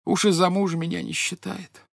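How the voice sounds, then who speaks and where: A man's voice: high voice, very animated, brisk, gravelly, dry recording, clean studio sound, pitched above the performer's own voice, exaggerated voice. A man voicing a meek, weary old fisherman who pleads and complains. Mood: complaining.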